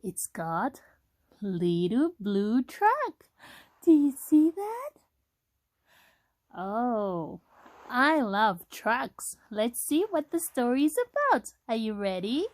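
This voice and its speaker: Slow sing-song storybook reader, woman. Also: on the high side, sing-song, no room sound. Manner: slow, sing-song, talks directly to a child. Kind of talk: children's read-aloud.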